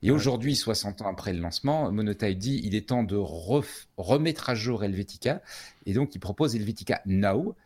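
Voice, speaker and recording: A man's voice: fairly low pitch, lively intonation, normal speed, a little mellow. A man co-hosting a casual tech podcast, explaining things at length with frequent fillers and restarts. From Switzerland. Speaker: podcast co-host.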